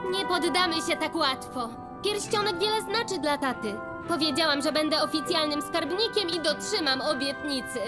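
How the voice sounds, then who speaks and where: A woman's voice: high-pitched, moderate pace, close to an everyday voice. An actress playing a plucky, determined young girl who leads her friends in a cartoon, speaking in an eager, resolute way. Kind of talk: animated cartoon dub. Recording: loud background music.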